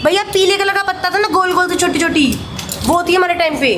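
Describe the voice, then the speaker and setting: A woman's voice: extremely high pitch, brisk, noisy background. A woman vlogging in a hospital, joking and playful while reassuring others. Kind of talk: casual vlog chat. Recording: echoey hospital with crowd.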